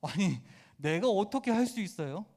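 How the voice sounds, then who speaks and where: A man's voice: high voice, animated, normal speed, a little mellow, pitched above the performer's own voice. A man voicing Moses as a timid, self-doubting man pleading that he cannot do the task.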